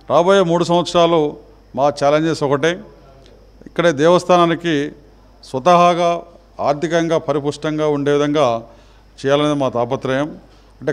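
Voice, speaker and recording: A middle-aged man answers a reporter's questions as chairman of a temple trust. He speaks in formal, measured phrases with small pauses. His voice is smooth and resonant, pitched a little high for a man.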